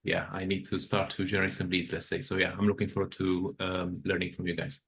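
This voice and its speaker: Chatty low-voiced man from Romania. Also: monotone, fairly quick, gravelly, a bit bright, a little hiss or hum. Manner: chatty, filler phrases like "you know". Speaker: product consultant. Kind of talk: self-introduction on a video call. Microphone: video call.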